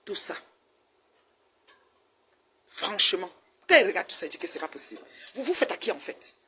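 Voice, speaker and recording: A husky, fast-talking woman in her fifties with a mid-range voice scolds in a casual online rant. She's animated and keeps repeating herself.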